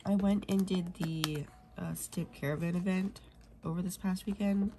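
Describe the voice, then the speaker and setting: A young woman, a planner vlogger, chats casually in a plan-with-me video while filling in her planner. Her voice is on the low side and steady, at a normal speed, with music in the background. Sniffly from a cold, she rambles softly and sometimes drops to a whisper as she works.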